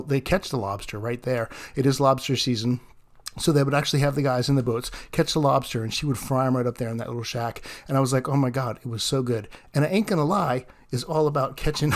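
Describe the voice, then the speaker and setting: A man hosts his own fishing travel vlog, talking to the camera at a medium pitch. He is chatty and easygoing, and often breaks into short laughs between phrases. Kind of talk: casual vlog narration.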